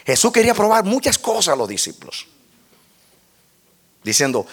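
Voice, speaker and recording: A man with a fairly high voice preaches with fervent conviction. He restarts and repeats words as he builds his points and puts questions straight to the congregation. His delivery swings between hushed, low passages and near-shouted peaks. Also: very animated, moderate pace, husky. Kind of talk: sermon.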